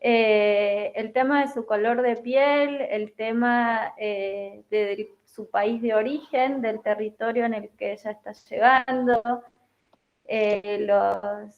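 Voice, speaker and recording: A woman's voice: a little high, fairly even intonation, takes it slowly. A woman with an Argentine accent, a student joining a class discussion on a call, speaking animatedly and correcting herself as she goes. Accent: Argentine Spanish. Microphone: video call. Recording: dull lo-fi video call audio.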